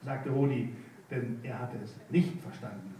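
A man reading a children's story aloud at sight, unhurried and playful. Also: mid-range voice, dark tone, a little hiss or hum. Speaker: reader. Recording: echoey room, mic far off.

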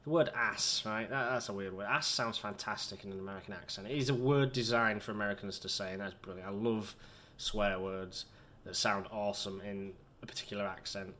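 A man's voice: on the low side, fairly quick, bright, forceful tone, a little hiss or hum. Rambling man narrating gameplay. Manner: chatty, wandering, self-mocking. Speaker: gaming video host.

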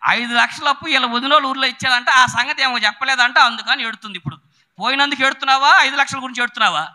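High-voiced shouting preacher man. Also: fast talker. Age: middle-aged. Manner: shouts bursts, then drops into storytelling. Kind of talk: sermon.

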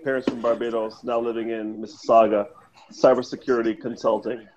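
A man's voice: medium pitch, level tone, a little fast, a little mellow, dull audio. A man from Canada, a panel guest on a video call, introducing himself in a playful, self-assured way.

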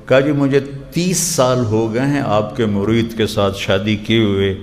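A man's voice: lowish voice, fairly even intonation, darkish tone. Male preacher in a reverberant hall. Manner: storytelling, slows down to recite quotations; speaks in short repeated phrases. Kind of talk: religious sermon.

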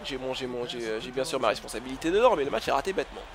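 A man's voice: medium pitch, very fast, vocal fry, noisy background. A man giving live commentary over a basketball video game, egging on his team and scolding himself when plays go wrong. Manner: excitable, swings between cheering and cursing frustration; coaches his teammates aloud, self-critical. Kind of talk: live let's-play commentary.

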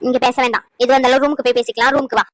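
A stern, grumbling mother-in-law from a cartoon, as a woman voices her. She scolds in a rapid, fairly high voice. The recording is dry. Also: steady tone, dry recording, close to an everyday voice, low-quality recording. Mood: scolding. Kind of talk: cartoon voice acting.

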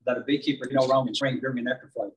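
A man's voice: mid-range voice, steady tone. Middle-aged Texan man presenting from a distance. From southeast Texas. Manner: measured, frequent "uh" fillers. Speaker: beekeeping presenter. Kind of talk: club presentation talk. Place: large meeting hall with projector. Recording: distant room recording.

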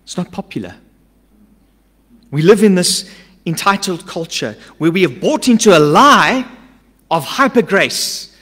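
A middle-aged man preaching a sermon from a church stage into a stand mic, emphatic, swinging between urgent loud lines and hushed asides. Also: sits high, animated, a little slow, long pauses. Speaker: pastor. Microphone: stand mic at a pulpit. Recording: long church-hall reverb.

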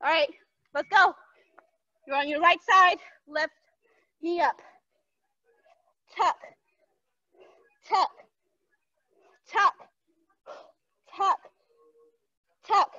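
A woman's voice: very high-pitched, drawn-out words, long pauses, sharp tone, no echo. A young woman coaching as an aerobics instructor, calling out cues, counts and encouragement with motivating energy. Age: young adult. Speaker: fitness instructor leading a live stream workout. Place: large gym, indoors. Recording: dull, lo-fi livestream audio.

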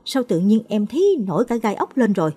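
A woman's voice: medium pitch, big pitch swings, a little fast, warm tone, husky. A woman voicing a frightened young daughter-in-law who pleads anxiously. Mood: fearful. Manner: fearful, pleading.

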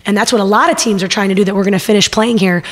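A woman's voice: medium pitch, very fast. A middle-aged woman head coach speaking earnestly at a postgame press conference from a table mic. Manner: steady, earnest, many fillers. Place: press room. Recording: long reverb in press room.

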